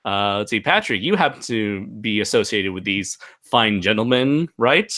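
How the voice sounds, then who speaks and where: A man hosting a casual livestream panel chat over a video call, joking and pausing to look at his notes. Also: lowish voice, expressive, sharp tone. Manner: joking, pauses with "let's see". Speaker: livestream host.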